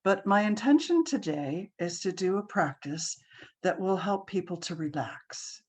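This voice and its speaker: Woman meditation guide, low pitch, unhurried calm delivery. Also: husky. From Hawaii. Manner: slow, soft and soothing, with frequent ums. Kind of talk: guided relaxation class.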